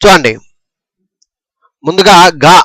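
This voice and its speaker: A man with a high voice teaches a lesson, sounding out each syllable patiently and pausing to ask if the class is following. His recording is dry and close, with no room sound. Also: lively intonation, fairly bright tone, no echo, rough recording. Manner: patient, repetitive drilling, frequent "okay?" checks. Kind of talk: Telugu alphabet lesson, reciting syllables.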